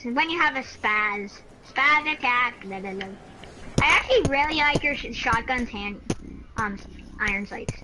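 A woman chatting casually while playing an online shooter, excitable and teasing, often repeating herself. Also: fairly high pitch, normal speed, background noise. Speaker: gamer. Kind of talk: casual gameplay chat. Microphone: headset mic.

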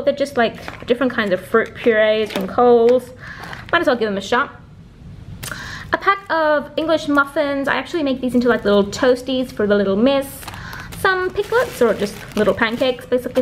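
Chatty high-voiced woman. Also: animated, normal speed, a little hiss or hum. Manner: chatty, lots of fillers and "like". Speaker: vlogger. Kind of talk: casual grocery haul chat. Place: home kitchen, indoors.

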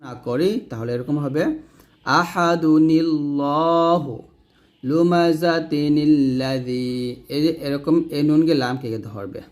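A man's voice: mid-range voice, dark tone. Man explaining Quran reading rules. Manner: explains step by step, slowly drawing out example recitations; addresses viewers directly, pointing at the page. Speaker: Quran recitation teacher. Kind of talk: tajweed lesson, explaining rules.

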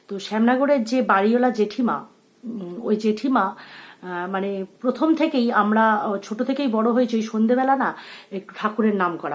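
A woman hosting her own channel, talking casually and reflectively about her childhood faith, with many pauses and fillers. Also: medium pitch. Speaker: channel host. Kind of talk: casual personal talk.

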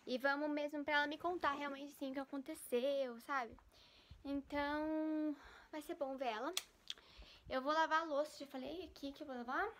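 A young woman with a high voice chats casually into a handheld camera at home, rambling and full of fillers. Now and then she drops into fond baby talk for her cat. A faint room ambience hums behind her. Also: fairly even intonation, normal speed, fairly bright tone, a little hiss or hum. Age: young adult. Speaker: vlogger. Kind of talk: casual vlog chat. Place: at home, first kitchen then living room.

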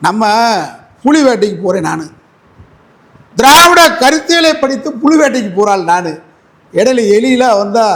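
Combative high-voiced man in interview. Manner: combative, repetitive, mocking. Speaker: interview guest, advocate. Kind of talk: heated political interview.

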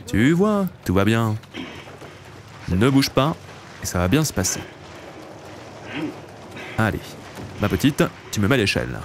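With a lowish voice, big pitch swings, and an unhurried pace full of pauses, a man in his late twenties gives relaxed let's-play commentary. He chats loosely and casually with viewers while playing, over a faint background hiss.

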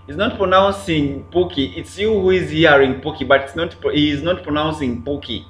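A man's voice: on the high side, normal speed. A man hosting a casual livestream, chatting, repeating himself and greeting viewers by name. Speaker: livestream host. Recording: roomy, dull lo-fi sound with faint hum.

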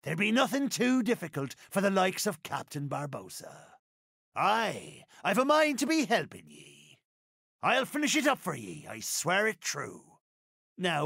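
Swaggering older game pirate captain, raspy and forceful, pitched fairly high, thick West Country pirate accent, grand archaic delivery. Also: male voice, no room sound, clean studio sound, heavily acted. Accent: theatrical West Country pirate. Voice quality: gravelly, raspy. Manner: theatrical, rolling archaic pirate phrasing. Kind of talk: video game character voice lines.

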